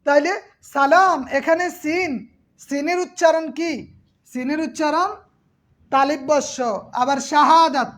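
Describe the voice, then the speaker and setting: A woman's voice: high-pitched, steady tone, measured pace, long pauses, a bit bright. A woman teacher giving an exam-prep class, patiently repeating terms and quizzing her students.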